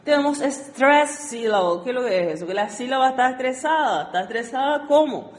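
A woman teaching English to Spanish speakers, explaining exercises and reading each word slowly twice. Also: sits high, animated, roomy sound, big-room sound. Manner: switches between Spanish and English, reads words slowly twice. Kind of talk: recorded lesson explaining exercises.

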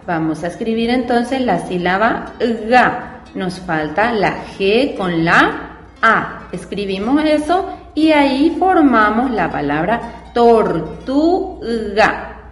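A woman's voice: on the high side, sing-song, slow pace. A woman teaching children to read, spelling out syllables patiently and asking the class simple questions. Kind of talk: reading and spelling lesson for children. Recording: echoey room with long reverb and faint music.

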